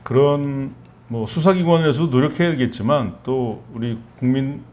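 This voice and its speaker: A man's voice: mid-range voice, moderate pace, darkish tone. A middle-aged man hosting a talk program, summing up the guest's points in a reflective, chatty way. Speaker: program host. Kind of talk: conversational talk-show hosting.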